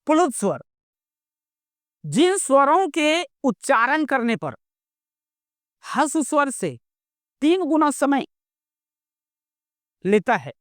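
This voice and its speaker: A woman teacher from India leads a grammar lesson at an unhurried pace. She keeps asking questions and answering them herself, repeating points so they stick. Her voice is high and lively, and the recording is dry and close. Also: no echo.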